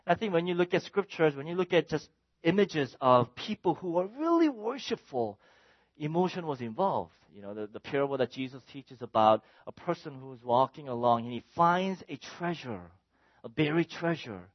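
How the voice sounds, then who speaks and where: A man preaching a sermon in an animated way, sometimes shouting exclamations to make a point. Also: a little high, moderate pace, no room sound, muffled recording. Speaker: pastor.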